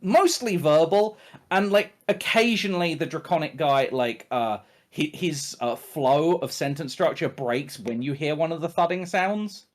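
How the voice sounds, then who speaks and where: A man's voice: a little high, a little slow. A man running a tabletop game as game master, narrating off the cuff in a casual, emphatic way with plenty of swearing.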